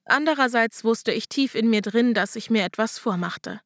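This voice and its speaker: A woman narrating a first-person audiobook in a steady, measured reading voice. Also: fairly high pitch, dry recording, clean studio sound.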